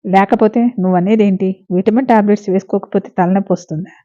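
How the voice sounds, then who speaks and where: A woman's voice: mid-range voice, steady tone, quick pace, dark tone, close to an everyday voice. Woman reading as a curt, short-tempered young man. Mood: irritated. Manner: curt, scolding. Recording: narrow phone-like lo-fi sound.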